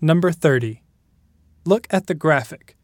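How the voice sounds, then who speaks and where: A man's voice: a little high, expressive, unhurried, dry recording, studio quality. A man reading scripted listening-test questions in a formal, instructional manner. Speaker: exam question narrator.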